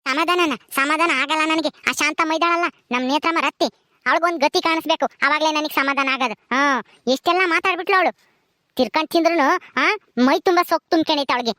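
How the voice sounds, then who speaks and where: A woman's voice: high voice, fast talker, no echo, clean studio sound. A woman playing a bitter, bossy village mother-in-law. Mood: resentful. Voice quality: sharp, scolding, bossy. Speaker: village drama actress. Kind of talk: village family drama acting.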